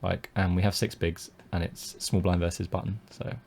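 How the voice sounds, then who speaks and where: A UK man with a lowish, gravelly voice talks through his own poker hands on a live stream, steady in tone and at normal speed. Thinking aloud with plenty of fillers and restarts, he weighs each decision and reads out viewers' messages.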